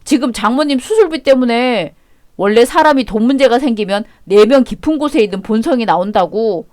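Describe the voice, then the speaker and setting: A woman's voice: on the high side, animated, brisk, darkish tone, no echo, clean studio sound, close to an everyday voice. A woman voicing a selfish, stingy married man in a radio drama, arguing in a dismissive, irritated way.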